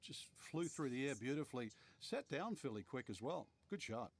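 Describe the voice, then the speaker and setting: A man's voice: mid-range voice, sing-song, normal speed, a little hiss or hum. A man giving conversational, explanatory analysis as a golf commentator.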